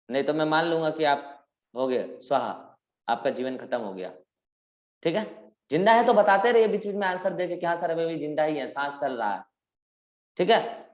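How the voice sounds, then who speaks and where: A man teaching a biology class, quizzing his students and drawing out key words for emphasis. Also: on the high side. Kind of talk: live interactive class lecture. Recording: roomy echoing classroom.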